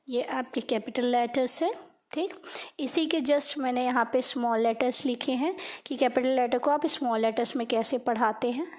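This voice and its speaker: A woman tutor walks through a phonics lesson in a bright, high voice. She takes her time, sounding out every letter carefully. She pauses after each point to check that it has landed. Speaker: English tutor.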